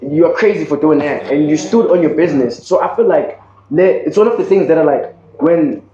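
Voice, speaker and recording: In a dull, echoey room, a South African podcast host holds an earnest, casual chat, restarting a lot and mixing in bits of Zulu. He talks fairly quickly in a fairly high voice with a dark tone.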